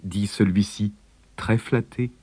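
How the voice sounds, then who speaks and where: A man narrating a storybook in a measured, expressive way. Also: lowish voice, no room sound.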